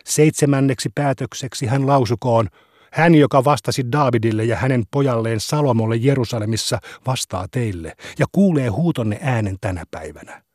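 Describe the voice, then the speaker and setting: A man giving a measured, solemn reading of translated religious texts. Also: mid-range voice, darkish tone, no room sound, studio quality. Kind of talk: scripted reading of translated scripture.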